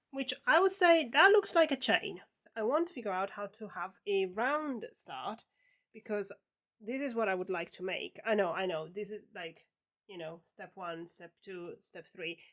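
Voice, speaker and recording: A woman's voice: mid-range voice, a bit bright. A woman chatting casually and reflectively to camera while she does crafts, thinking aloud as she goes. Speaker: craft vlogger.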